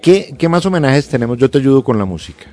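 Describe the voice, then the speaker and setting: A male radio host in casual on-air chat, talking in quick restarts and animated asides. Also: mid-range voice, dry recording.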